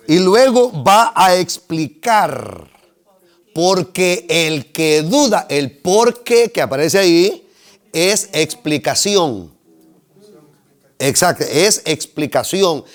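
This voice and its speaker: A man teaching a seminary preaching workshop, joking with the class and asking them questions. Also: on the high side. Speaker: homiletics teacher.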